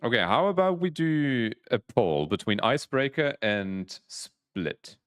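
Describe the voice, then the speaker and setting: A man's voice: mid-range voice, expressive, measured pace, clear, resonant tone, no room sound, clean studio sound. A man in his twenties chatting casually on a livestream, rambling with restarts while explaining game rules. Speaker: streamer, PhD student.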